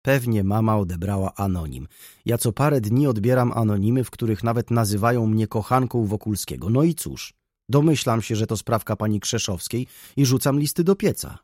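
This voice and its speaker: A man reading an audiobook, voicing a gentle young woman who speaks with passion and defiance about love. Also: lowish voice, moderate pace, no echo, clean studio sound, lightly acted. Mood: impassioned. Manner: passionate, pleading, rising to outbursts.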